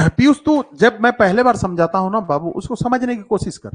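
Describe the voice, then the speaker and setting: Here a man whose voice sits high speaks at a moderate pace. He is a coaching teacher for school entrance exams, giving a live online math class to children, coaxing and teasing them and mixing in English terms.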